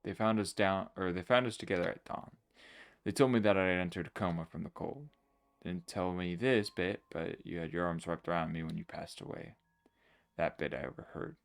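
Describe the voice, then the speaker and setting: A man voicing a protective older sister who is a reaper, speaking quietly and somberly in a game. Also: sits low, brisk, creaky. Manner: quiet, somber, subdued reading. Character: protective teenage girl reaper, guarded.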